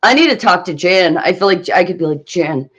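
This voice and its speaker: Woman, relaxed and joking, casual co-host, slightly lo-fi recording. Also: fairly low pitch, fast, slightly rough. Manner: laid-back, joking and amused. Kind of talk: casual chat.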